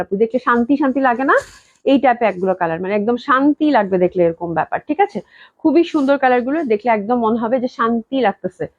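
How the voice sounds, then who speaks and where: A woman from Bangladesh hosting a live clothing sale. She chats nonstop, repeats the price again and again and drops English phrases into her pitch. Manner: talks slowly on purpose to hold back a cough. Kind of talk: fast live-stream sales pitch. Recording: dull lo-fi live-stream audio.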